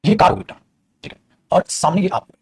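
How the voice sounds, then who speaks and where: Husky-voiced teacher, fast. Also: male voice, high-pitched, a little mellow. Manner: explains patiently, keeps calling students "beta". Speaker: English teacher. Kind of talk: teaching a class.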